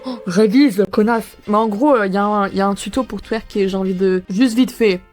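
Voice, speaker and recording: A woman's voice: medium pitch, normal speed, over music. A young woman student chatting casually in a vlog, self-mocking and swearing often, recorded in her bedroom. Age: young adult. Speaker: student vlogger. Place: bedroom at home.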